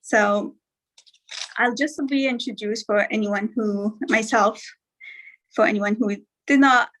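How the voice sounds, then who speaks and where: A young woman from Algeria speaks casually on a live stream, pausing often with fillers and restarting her sentences. Her voice is bright and forward. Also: mid-range voice, steady tone, low-quality recording. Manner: hesitant, many fillers and restarts. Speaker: guest speaker.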